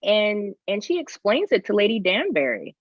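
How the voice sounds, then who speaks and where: A woman's voice: mid-range voice, very animated, normal speed, no room sound, lo-fi sound. A woman co-hosting a casual podcast chat, thinking aloud and restarting her sentences. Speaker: podcast co-host.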